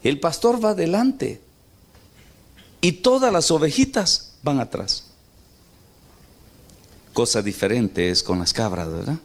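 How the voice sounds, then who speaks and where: A man's voice: fairly high pitch, expressive, slow pace, pauses often. A middle-aged man preaching a sermon, telling stories and putting questions to his congregation. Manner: storytelling, asks the congregation questions.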